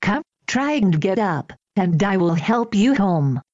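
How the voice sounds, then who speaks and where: A woman's voice: medium pitch, sing-song, a little slow, darkish tone, no echo. A woman voicing a polite, kind-hearted young boy in a storybook, courteous and eager to help. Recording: dull, dry lo-fi recording.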